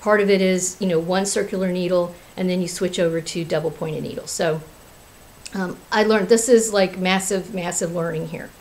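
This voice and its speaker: A woman's voice: lowish voice, steady tone, normal speed, darkish tone, rough recording. A woman hosting a casual craft video, chatting candidly with many fillers and restarts, from Florida and working as a teacher. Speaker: craft podcast host.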